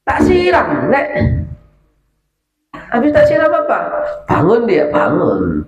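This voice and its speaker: A man teaching a kitab study lesson at a boarding school, explaining an Arabic text line by line with lively asides. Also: very high-pitched, slow pace, soft background music. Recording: echoey room, dull lo-fi sound, faint room hum.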